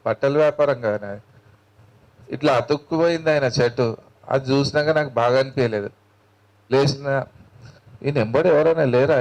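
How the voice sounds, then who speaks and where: A meditation teacher with a Telangana Telugu accent gives a spiritual talk, telling stories colloquially and acting out the dialogue. His voice is medium in pitch with a darkish tone, captured in a rough recording.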